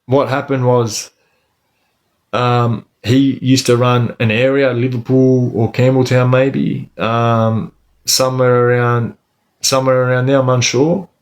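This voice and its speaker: A man's voice: mid-range voice, little pitch movement, measured pace. An Australian man telling stories casually on a livestream as host, using Aussie eshay street slang like a local lad.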